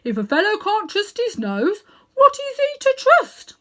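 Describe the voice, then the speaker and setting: A woman voicing a proud, stubborn male bulldog from a storybook, gruff and insistent. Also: very high voice, huge pitch swings, unhurried, bright, forceful tone, voice pushed up, heavily acted. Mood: indignant.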